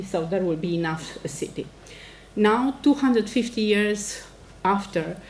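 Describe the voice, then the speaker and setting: A middle-aged Romanian woman, a native speaker with a Romanian accent, delivers a formal academic address as a professor. Her voice is medium-pitched and a little mellow, with slight background noise. She speaks at an indoor lecture event before an audience.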